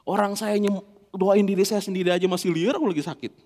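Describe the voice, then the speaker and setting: A man preaching a lively, playful sermon, acting out little dialogues as he goes. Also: high-pitched, fast, in a large hall. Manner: animated, playful, acts out dialogue. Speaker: pastor. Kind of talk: lively sermon with humorous anecdotes. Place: church.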